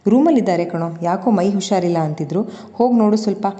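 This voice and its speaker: A woman voicing a caring middle-aged mother who speaks gently. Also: medium pitch, fast talker, close to an everyday voice. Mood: concerned. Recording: long reverb.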